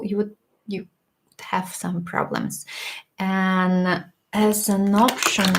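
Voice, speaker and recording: Chatty woman reviewing makeup, voice a bit worn. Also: mid-range voice. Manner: chatty and frank, with small laughs and restarts. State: slightly losing her voice. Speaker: makeup livestream host. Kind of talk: casual product review on a livestream.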